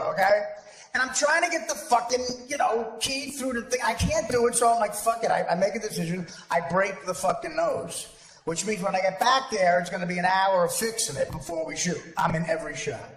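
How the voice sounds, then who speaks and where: Animated, high-voiced male comic. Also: a little fast. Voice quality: animated, profane, self-mocking storytelling. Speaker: comedian. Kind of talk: stand-up storytelling to a live audience. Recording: echoey hall with background noise.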